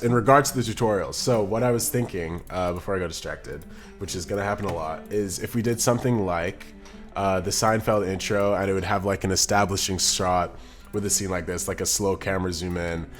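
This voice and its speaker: A man with a fairly low voice chats on a live stream in a loose, rambling way. He reads viewer messages out loud and answers them off the cuff. Soft music plays faintly behind him. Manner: rambling, chatty, reacts to chat and laughs often. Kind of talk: casual live-stream chat.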